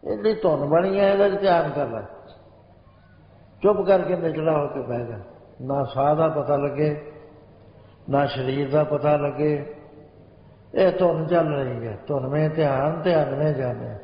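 Man preaching, chanting lines in a hall. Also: fairly high pitch. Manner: slow chanting of sacred lines within speech. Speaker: Sikh preacher. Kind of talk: spiritual discourse with sung lines. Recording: echoey hall, muffled lo-fi sound.

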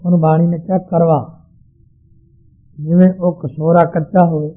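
A man preaching a sermon, explaining scripture verses to a congregation in a slow, measured teaching manner. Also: fairly high pitch, level tone. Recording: tinny, phone-like sound.

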